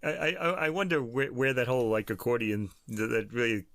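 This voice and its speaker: A man co-hosting a music podcast in casual chat, halting and stumbling over foreign words with a laugh. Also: medium pitch, fairly bright tone, no room sound. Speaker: co-host of a classical music podcast.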